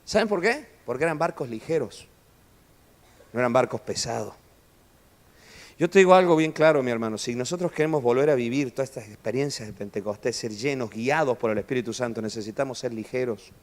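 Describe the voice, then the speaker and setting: A man preaching a sermon in a church hall, animated and joking with his listeners, often calling them brother. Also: medium pitch, brisk. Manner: animated preaching, constantly saying "hermano", jokes with the audience. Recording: long reverb of a church hall.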